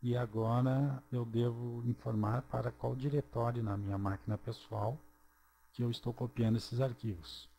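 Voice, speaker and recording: A man narrating a screen-recorded programming tutorial, walking through each step slowly and checking in with "ok?". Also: mid-range voice, steady tone, gravelly, dark tone, slight background noise. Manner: slow, step-by-step, checks in with "ok?" and "certo?".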